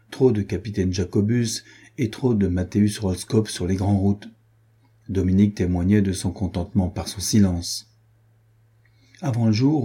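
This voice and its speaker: Male audiobook narrator, very dark and husky tone, even measured reading. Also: lowish voice. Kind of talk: scripted narration.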